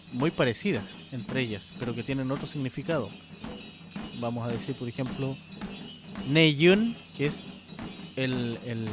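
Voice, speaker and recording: A man hosting a radio lesson on language sounds, explaining slowly and checking in often with short questions. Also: a little high. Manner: unhurried, checks in with frequent "¿ya?" and "¿cierto?". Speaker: radio host teaching the language.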